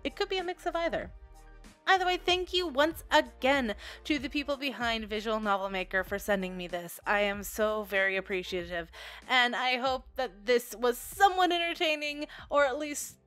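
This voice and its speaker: Over a screen recording with soft background music, a young woman reviewing software chats to her viewers at a normal speed in a fairly high, fairly bright voice. Her rambling is casual, giggly and self-deprecating.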